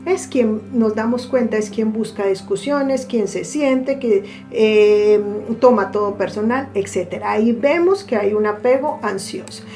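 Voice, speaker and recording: A woman giving a reflective spiritual teaching, speaking deliberately and stretching key words for emphasis. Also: medium pitch, mellow, soft background music.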